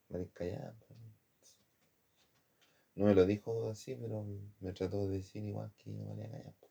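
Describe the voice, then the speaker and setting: A former design student with a Chilean accent rambles through a personal story from his design studies, using slang and often calling the listener "compadre." His voice is low and dark, with vocal fry and a breathy edge.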